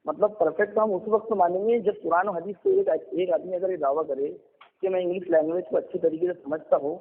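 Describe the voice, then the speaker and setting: Scolding man over an echoey phone line. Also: sits high. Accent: Indian Urdu. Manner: scolding, repetitive, fillers. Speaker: debater. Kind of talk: heated religious debate. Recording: tinny phone line with reverb.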